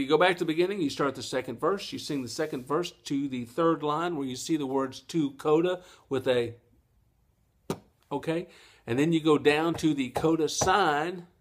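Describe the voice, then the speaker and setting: A man's voice: fairly high pitch, normal speed. A middle-aged man, giving a casual, folksy ukulele lesson and laughing at his own jokes. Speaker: ukulele teacher.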